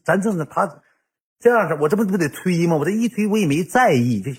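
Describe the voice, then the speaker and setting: Northeastern guy telling a story, husky voice, slangy and lively. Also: high voice, quick pace. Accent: Northeastern Mandarin. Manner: colloquial, lively, swears now and then. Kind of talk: casual spoken storytelling.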